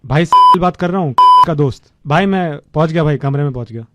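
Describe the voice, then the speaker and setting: A man's voice: fairly high pitch, brisk, heavy background noise, lightly acted. A man playing a nervous young man who is borrowing a friend's room, sounding eager and thankful. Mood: grateful, jittery.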